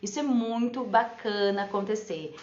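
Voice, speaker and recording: A chatty woman teacher talks through teaching ideas in a relaxed live session, often tagging her sentences with little check-ins. Her voice sits at an ordinary middle pitch. The room sounds echoey and the audio is slightly dull, like a lo-fi stream. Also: normal speed. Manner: chatty, often adds "né?" and laughs.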